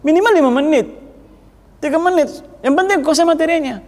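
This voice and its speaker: A man's voice: very high-pitched, fairly quick. A man teaching a class how to preach, giving blunt feedback and laughing now and then. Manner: gives blunt advice and often laughs. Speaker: teacher of sermon practice. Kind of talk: classroom feedback on public speaking. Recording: echoey hall with long reverb.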